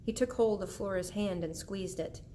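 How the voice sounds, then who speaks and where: A woman narrating a children's book aloud in a gentle, even storytelling manner. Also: medium pitch, moderate pace, a little hiss or hum. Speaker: audiobook reader.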